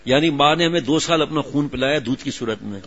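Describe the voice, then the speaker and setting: A man's voice: fairly high pitch, a bit bright. A middle-aged man preaching a sermon, telling stories in an earnest, emotional way and acting out quoted dialogue. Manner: storytelling with acted-out quoted dialogue. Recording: dull lo-fi recording.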